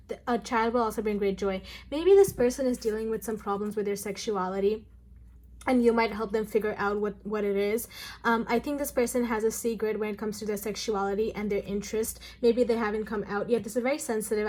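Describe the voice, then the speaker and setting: A woman's voice: fairly high pitch, darkish tone. A young woman giving a casual, chatty tarot reading, earnest and full of fillers and asides. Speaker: tarot reader.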